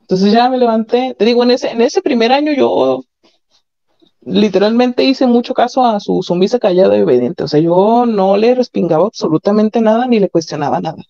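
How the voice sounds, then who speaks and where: Mellow-voiced woman on a muffled call. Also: fairly high pitch, a little fast, creaky. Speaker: caller sharing her experiences. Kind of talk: candid personal testimony over a call. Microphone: phone or call line.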